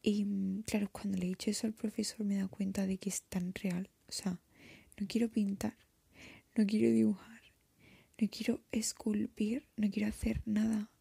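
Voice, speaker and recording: Whispering young woman, breathy and gravelly. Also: mid-range voice, flat delivery, normal speed, no echo. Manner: soft whisper, hesitant and reflective. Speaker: art student. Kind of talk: whispered confessional vlog.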